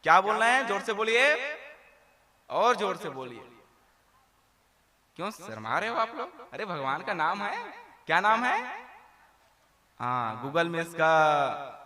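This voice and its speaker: A male preacher telling a devotional story as a sermon. He is lively and keeps quizzing his listeners, in a high, very bright voice. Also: slow pace, pauses often.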